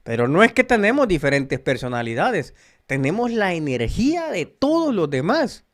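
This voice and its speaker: A spiritual channel host from El Salvador, speaking with a Salvadoran Spanish accent, preaches earnestly and directly to listeners. He has a high, very animated voice and keeps a moderate pace.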